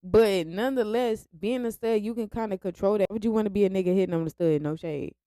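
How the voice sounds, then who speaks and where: A woman's voice: mid-range voice, quick pace, warm tone, dry recording, studio quality. A young woman speaking candidly to her viewers in a confessional vlog, frank and direct. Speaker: vlogger. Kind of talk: candid personal vlog monologue.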